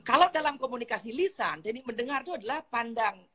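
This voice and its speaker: A woman's voice: a little high, animated, fast talker, bright, forceful tone, breathy edge. A woman speaking as a guest on an online live talk, politely giving numbered tips on communication. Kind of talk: instructional live chat. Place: online video call.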